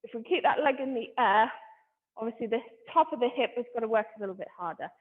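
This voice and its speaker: Female ballet teacher, high-pitched, giving measured, counted movement cues; narrow phone-like audio. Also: lively intonation. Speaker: adult ballet instructor. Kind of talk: instructional exercise class, talking through movements. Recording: thin phone-like sound, faint music behind.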